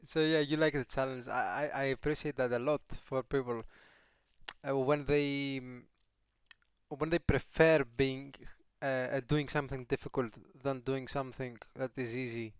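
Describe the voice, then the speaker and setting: A man coaches a player over a voice call, friendly and unhurried, pausing and filling gaps as he thinks. His voice is smooth and clear, mid-pitched, and recorded close and dry. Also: steady tone, no room sound. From Greece. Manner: friendly, unhurried, with pauses and fillers. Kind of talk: casual coaching chat.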